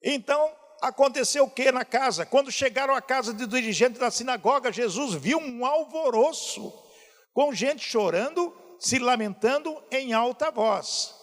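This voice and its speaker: A man's voice: extremely high pitch, lively intonation, a little slow. A male pastor preaching a sermon, asking the congregation questions as he goes. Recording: hall reverb.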